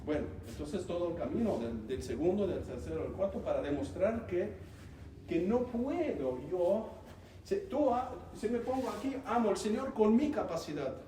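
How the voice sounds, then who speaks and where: A man giving an emphatic teaching talk to a group, animated and repeating key words. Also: high-pitched, normal speed. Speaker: speaker teaching on faith. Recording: roomy hall, distant mic, faint hum.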